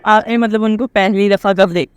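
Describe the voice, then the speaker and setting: A man's voice: high voice, fairly even intonation, normal speed, smooth, no echo. A man interviewing a cricketer, asking short, direct questions in Urdu.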